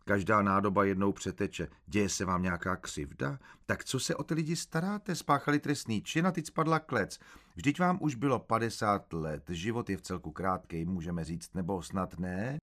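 Brief: stern male interrogator, badgering questions, low deep voice, read by a man narrating a book. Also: expressive, fairly bright tone. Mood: hectoring.

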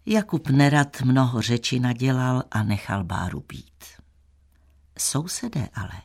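A man narrating a classic tale in a measured, old-fashioned storytelling manner. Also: mid-range voice, gravelly, a little mellow, breathy edge. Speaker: audiobook narrator.

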